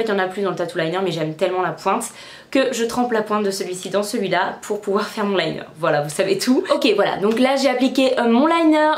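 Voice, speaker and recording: A woman's voice: medium pitch, reverberant. A young woman casually narrating a makeup tutorial step by step at home, chatty, with frequent fillers. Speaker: beauty vlogger. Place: room at home.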